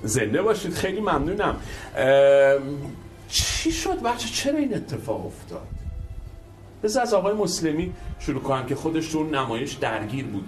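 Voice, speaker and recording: A man's voice: a little high, very animated, soft background music. A man hosting a television interview, asking pointed, pressing questions. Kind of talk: probing studio interview.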